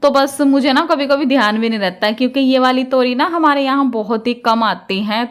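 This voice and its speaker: Chatty home vlogger woman, slightly high voice. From India. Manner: chatty, talks straight to viewers with filler "ना". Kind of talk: casual chatty home vlog.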